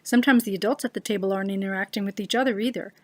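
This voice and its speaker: A woman giving an earnest personal talk to a webcam, slowing down to stress her key words. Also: mid-range voice, steady tone, no echo. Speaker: speaker giving a short talk. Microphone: webcam on a computer.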